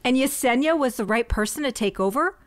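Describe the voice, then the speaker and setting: In this audio drama, a woman from the United States plays a shop owner, a stressed cousin whose shop is failing. She sits high in pitch with lively intonation and speaks a little fast, coming across as stern and exasperated.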